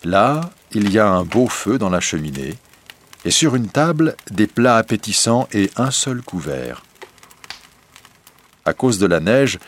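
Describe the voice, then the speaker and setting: A man reading a fairy tale aloud as narrator, slow, deliberate and expressive. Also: low voice, a little hiss or hum. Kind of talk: scripted storybook narration.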